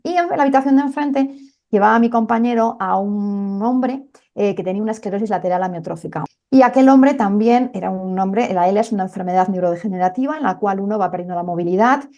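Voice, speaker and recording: A woman doctor recounts a memory from her work in an interview. Her voice is gravelly and mellow, and she speaks conversationally with frequent fillers. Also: mid-range voice, fast. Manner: conversational storytelling with many fillers. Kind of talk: telling a personal story in an interview.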